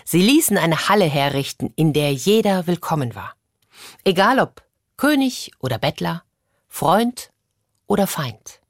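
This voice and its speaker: A woman narrating a children's fairy tale with dramatic expression, her voice low and moving in wide swings of pitch. She takes her time over each phrase, and the recording is close and dry. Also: very animated, unhurried, dry recording. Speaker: storyteller.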